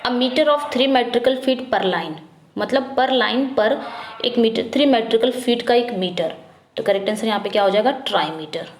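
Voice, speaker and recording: A woman teaching an English exam prep lesson, reading questions slowly and explaining quickly in Hindi, asking and answering herself. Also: fairly high pitch, roomy sound, slight background noise. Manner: repetitive drilling, asks then answers herself.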